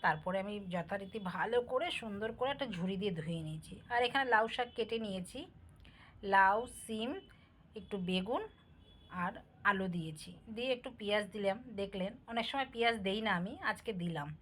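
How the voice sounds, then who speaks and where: A woman's voice: mid-range voice, brisk, fairly bright tone. A middle-aged woman with Bangal family roots, chatting casually to viewers while she cooks at home. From Bangal family, East Bengal roots. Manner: homely, talks directly to viewers, asks for comments. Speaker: cooking vlogger.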